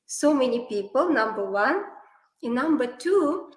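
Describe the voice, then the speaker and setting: This is a Kazakh woman, a native speaker of Kazakh with a matching accent, appearing as a guest in an online interview. She is a classical dancer and recounts stories in non-native English, filling them with hesitations. Her high, animated voice runs a little slow, captured poorly in an echoey room.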